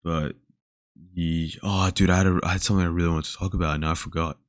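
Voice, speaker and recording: Speaking fast in a deep, level voice, a young Australian podcast host rambles through his casual solo show, full of fillers and thoughts left unfinished. He's indoors talking alone to a camera, and the clean studio sound carries no room sound.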